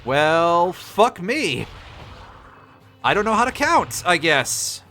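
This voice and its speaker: A man's voice: high-pitched, sing-song, takes it slowly, bright, forceful tone, soft background music. A man giving casual live gameplay commentary as a streamer, with sardonic, sweary grumbling. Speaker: video game streamer.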